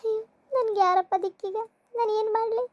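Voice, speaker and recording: A woman playing an anxious, sharp-tongued village mother in a family skit, with a North Karnataka Kannada accent. Her voice sits very high and the words tumble out fast. She swings between pleading and bitter scolding. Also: muffled recording. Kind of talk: village family drama acting.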